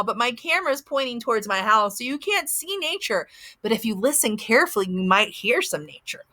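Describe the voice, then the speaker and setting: A woman with a Southern US accent reads to little children in a high, bright voice. She talks like a teacher with a toddler, sing-song and full of simple questions, and her pitch moves up and down a great deal. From American South. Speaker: early childhood teacher and story reader. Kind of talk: reading aloud to young children with commentary. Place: outdoors by a house.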